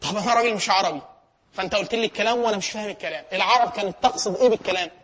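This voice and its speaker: Fast-talking Egyptian man lecturing. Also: high voice, a crowd in the background. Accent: Egyptian Arabic. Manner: asks rhetorical questions and answers them himself. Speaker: teacher of Islamic sciences.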